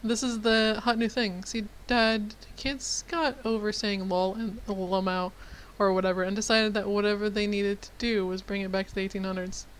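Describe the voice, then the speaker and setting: A woman voicing a sarcastic teenage daughter in a dating game, speaking in a dry, deadpan, low-key way. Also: moderate pace, slight background noise, lightly acted.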